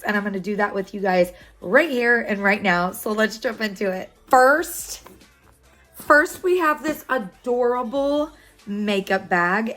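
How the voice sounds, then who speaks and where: A woman beauty vlogger unboxing a makeup collection, talking in a gushing, excited way. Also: medium pitch.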